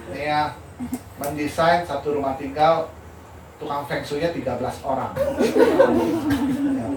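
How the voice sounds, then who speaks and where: An older man, an architect and lecturer, giving a candid, animated informal talk and laughing as he tells stories. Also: mid-range voice. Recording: roomy, distant mic with noisy ambience.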